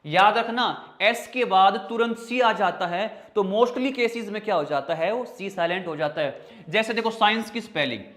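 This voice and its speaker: A man with a Hindi accent and a high-sitting, fairly bright voice moves at a moderate pace through an online vocabulary class. Calling his students brother and child, the English teacher questions them, answers himself, and spells words out bit by bit.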